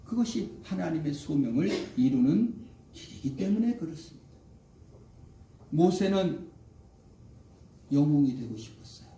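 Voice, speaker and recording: A man's voice: fairly high pitch, sing-song, a little slow, long pauses, dark tone, a little hiss or hum. A male pastor preaching a sermon with dramatic swings, acting out the lines of the people in his story. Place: church sanctuary. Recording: roomy church echo, mic at a distance.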